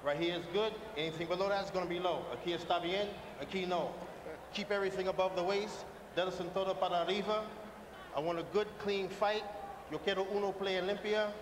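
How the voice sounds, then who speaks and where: High-voiced male boxing referee, commanding. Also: fairly even intonation. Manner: brisk, commanding. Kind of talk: pre-fight instructions, switching between English and Spanish. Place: boxing ring in large indoor arena. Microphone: handheld microphone. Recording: echoing arena PA with background noise.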